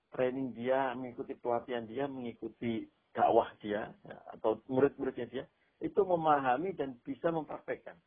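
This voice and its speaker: A male Islamic preacher giving a casual Quran commentary lesson over an online call, animated and explaining through spoken examples and repetition, with a tinny phone-line sound. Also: fairly high pitch, breathy edge.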